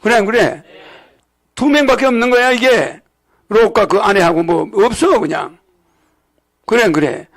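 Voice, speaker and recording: An older man with a high, expressive voice talks at a normal speed, pausing often, as he delivers a rambling sermon-lecture to his followers. This religious leader repeats himself, chuckles, and keeps asking the audience "right or not?" to check whether he's right.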